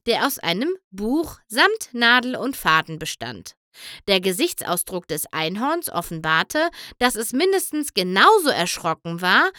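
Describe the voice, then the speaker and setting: Woman storybook narrator, lively and bright, dry close sound. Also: mid-range voice, dry recording. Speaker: audiobook narrator.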